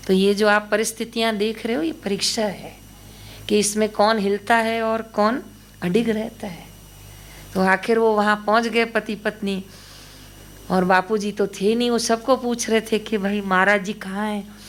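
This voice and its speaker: A woman's voice: medium pitch, steady tone, unhurried. A woman giving a spiritual storytelling talk. She narrates anecdotes about a guru and voices the dialogue of the people in them. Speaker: devotional storyteller.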